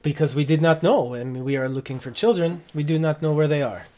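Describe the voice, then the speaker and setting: A man's voice: fairly high pitch, fairly quick, darkish tone, natural voice. A man voicing an earnest town gate guard with stiff, formal phrasing in a tabletop fantasy game. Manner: formal phrasing without contractions, short urgent sentences.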